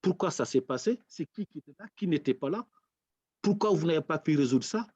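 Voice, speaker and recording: A man from Senegal with a Senegalese accent, a lecturer speaking as a talk-show guest and telling stories with animated, acted-out dialogue. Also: a little high, fairly quick, slightly rough, no room sound, muffled recording. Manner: animated storyteller, acts out quoted dialogue. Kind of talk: casual talk-show conversation.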